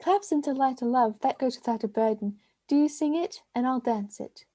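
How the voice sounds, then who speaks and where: A woman's voice: sits high, normal speed, dark tone. A woman reading a teasing young waiting-woman. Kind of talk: amateur play reading online.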